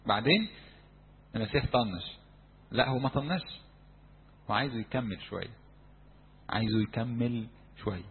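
A man with an Egyptian Arabic accent preaching a sermon to young people in a church, animated and acting out crowd voices. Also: medium pitch, moderate pace, pauses often, husky, phone-quality sound. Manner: animated, acts out crowd voices, shouts for emphasis.

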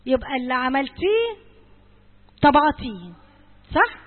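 Egyptian woman, church speaker, high and quick, repeats for emphasis, tinny hall recording. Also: big pitch swings. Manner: earnest, direct, frequently repeats points for emphasis. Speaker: church servant advising mothers. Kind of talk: church talk to mothers.

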